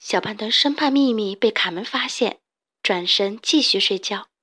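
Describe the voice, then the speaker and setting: A woman narrating a children's storybook in a clear, expressive way. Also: medium pitch, moderate pace.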